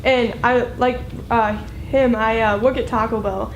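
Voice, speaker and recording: An American woman in her late teens, a student giving informal public comment in a halting, conversational way, stumbling over words. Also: fairly even intonation, lo-fi sound. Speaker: high school student. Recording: faint rumbling background noise.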